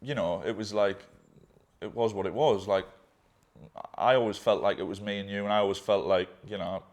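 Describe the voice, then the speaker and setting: A man's voice: on the low side, fairly even intonation, fairly quick. A young man in candid conversation with his business partner, rambling with many fillers and casual swearing.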